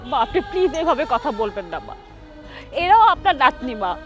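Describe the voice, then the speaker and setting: A woman's voice: high-pitched, sing-song, moderate pace, over music. An actress playing a wronged young mother who pleads with her mother-in-law. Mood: pleading. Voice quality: pleading, tearful. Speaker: daughter-in-law.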